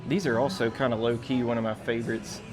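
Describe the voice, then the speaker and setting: A man's voice: mid-range voice, little pitch movement, fast. An American man vlogging casually on location, with an enthusiastic, folksy way of talking. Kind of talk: casual on-location vlog chat. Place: theme park, shop and outdoor food areas. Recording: music behind, outdoor park sound.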